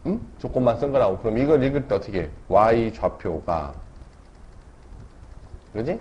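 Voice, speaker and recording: A man's voice: medium pitch, expressive, racing, warm tone. A man teaching a math lesson in a casual way, often checking in with students as he explains. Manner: casual, keeps checking in with the class with tag questions. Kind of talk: classroom math lecture. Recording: dull lo-fi classroom recording with faint noise.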